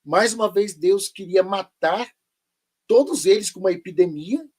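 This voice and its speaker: A man's voice: sits high, normal speed, husky. A man teaching a live online Bible lesson, sarcastic and full of rhetorical questions.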